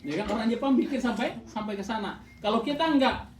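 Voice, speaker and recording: Quick-talking woman preaching in an echoey hall. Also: fairly high pitch, slight background noise. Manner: lively, asks the audience often, frequent laughs. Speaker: religious speaker. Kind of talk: informal religious talk to mothers. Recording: echoey room, voice from far off, crowd behind.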